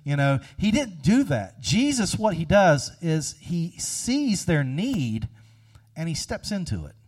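A man in his thirties preaching a sermon, conversational and humorous, acting out little scenes and slowing down to stress key phrases. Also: on the high side, big pitch swings, a little mellow. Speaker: pastor.

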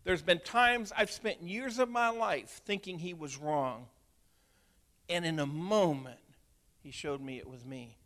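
A man in his sixties, a preacher, telling a heartfelt story in a sermon, swinging from hushed to loud. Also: on the high side, measured pace. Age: 60s. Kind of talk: emotional sermon testimony.

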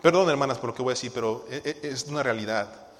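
A man's voice: mid-range voice, fast talker, fairly bright tone. A male pastor, preaching a sermon and emphatically questioning the congregation in church. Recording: long reverb of a church hall.

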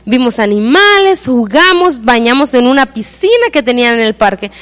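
Cheerful schoolchildren telling a classmate what he missed, as a woman puts them on. The voice is high and lively, bubbling with excitement. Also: moderate pace, clear, resonant tone, long reverb tail. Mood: excited. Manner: excited, chattering.

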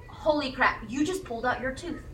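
Woman preacher in her 30s, high and bright, animated conversational sermon, echoey room, mic at a distance. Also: heavy background noise. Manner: animated, conversational, bursts of shouting.

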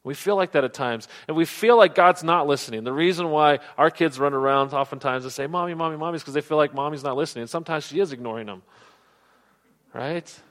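A man preaching a sermon, earnest, often dropping to soft, low tones for emphasis. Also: a little fast. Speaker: pastor.

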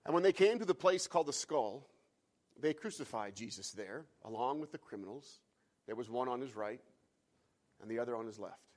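A man preaching a sermon, moving from quiet reflection to fervent, emphatic climaxes, repeating key phrases. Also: medium pitch, lively intonation, brisk. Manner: builds from hushed reflection to fervent, loud climaxes; repeats phrases for emphasis, some restarts and fillers. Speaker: pastor.

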